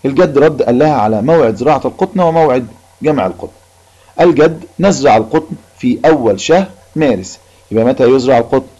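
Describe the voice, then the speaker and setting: A man with an Egyptian accent teaching an Arabic lesson, reading a passage and explaining it in colloquial speech, repeating each point slowly. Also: mid-range voice, dark tone. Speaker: primary school Arabic teacher. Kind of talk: recorded classroom lesson. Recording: dull lo-fi recording.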